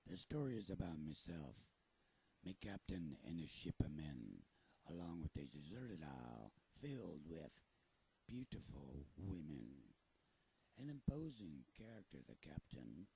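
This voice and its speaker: A gravelly, very deep pirate sailor spins his sea tale, as a man puts him on. The voice is dark and husky, drawn out slowly, and rises and falls with theatrical swings. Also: sing-song. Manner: drawling, theatrical pirate speech with chuckles. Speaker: storyteller. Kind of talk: storytelling in a pirate voice.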